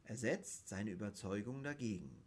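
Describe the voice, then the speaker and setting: A man giving a reflective spiritual talk on mysticism, speaking in a measured, deliberate way and reading quotations aloud. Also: fairly low pitch, sing-song, a little mellow. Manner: measured and deliberate, stressing key words.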